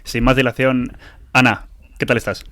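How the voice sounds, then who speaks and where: A man from hosting an interview, speaking slowly and deliberately over a video call. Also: medium pitch, little pitch movement, sharp tone, dry recording. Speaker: podcast host. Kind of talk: casual interview chat.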